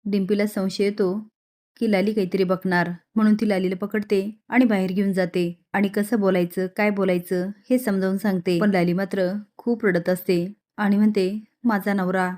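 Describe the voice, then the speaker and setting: A woman narrating a recap of a TV serial episode in an even storytelling manner. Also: medium pitch, normal speed.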